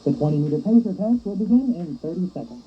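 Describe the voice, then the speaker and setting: A man's voice: high-pitched, lively intonation, quick pace, husky. A man's voice heard as playback from a homemade record disc, muffled and hissy, as he tests a toy recorder. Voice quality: hissy, muffled, dull sound. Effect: his voice played back from a homemade record disc, lo-fi with hiss. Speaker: vlogger testing a toy recorder.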